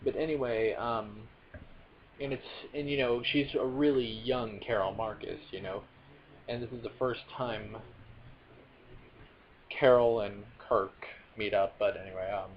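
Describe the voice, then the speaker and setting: A man with a fairly low, steady voice recaps a film plot like a casual reviewer, taking his time with long pauses. He rambles, fills gaps with fillers and keeps correcting himself. The lo-fi recording sounds dull, with faint noise.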